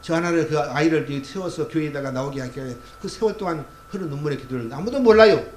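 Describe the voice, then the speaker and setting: A man's voice: fairly high pitch, fast talker. Guy pastor giving a sunday sermon, chatty and full of fillers, echoey church, bit of hum. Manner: conversational preaching with many fillers and acted quotes. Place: church sanctuary. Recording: roomy church sound with faint hum.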